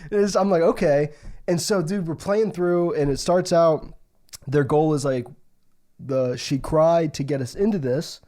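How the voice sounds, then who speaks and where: Speaking at a measured pace in a dark-toned voice on the high side, a young American man co-hosts a podcast. He tells stories and chats casually, joking, slangy and quick to laugh.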